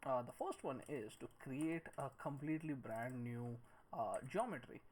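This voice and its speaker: At a moderate pace, a man with a medium-pitched, slightly mellow voice and lively intonation talks through his 3D modelling work in a casual screen recording. He mutters counts and shortcuts between steps, with keyboard clicks, mouse clicks and clear background noise behind him.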